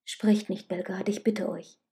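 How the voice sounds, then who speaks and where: A woman reading the lines of a tender, passionate noblewoman in a storybook, soft and pleading, sometimes urgent. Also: mid-range voice, level tone, moderate pace, natural voice.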